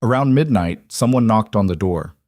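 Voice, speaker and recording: A male narrator reads a scripted story in a low, measured voice. The delivery is even, and the recording is dry and close. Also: dry recording.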